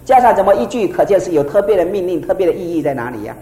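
A woman preaching a sermon in a church hall. She talks in a lively way and keeps asking her listeners questions. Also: racing. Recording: echoey room, faint rumble.

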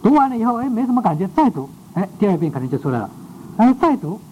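A man's voice: high-pitched, sing-song, rapid-fire. A man teaching a devotional class as a Bible teacher, full of "ah" fillers and rhetorical checks, dropping English words into his speech. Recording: dull lo-fi recording with faint background noise.

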